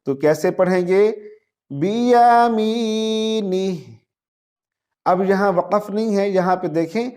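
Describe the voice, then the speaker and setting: A man teaching a Quran reading lesson, reciting single words very slowly and drawn out, then explaining briskly and patiently repeating each word. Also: high voice, a little mellow.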